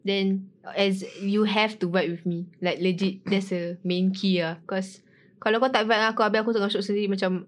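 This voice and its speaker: A woman's voice: medium pitch, steady tone, brisk. A woman with a Singaporean accent in a casual group chat, blunt and slangy, switching between languages as she talks.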